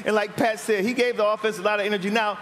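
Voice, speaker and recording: A middle-aged man comments on football in a high voice. He is conversational but emphatic. Faint ambient noise is heard behind him. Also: fairly even intonation, very fast, fairly bright tone. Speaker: football analyst. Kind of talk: conversational live sports commentary. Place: outdoor broadcast desk.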